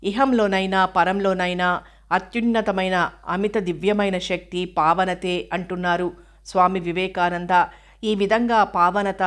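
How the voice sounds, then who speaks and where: A woman reading a scripted spiritual commentary on a scripture in a measured, explanatory way, now and then asking and answering a question. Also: lowish voice.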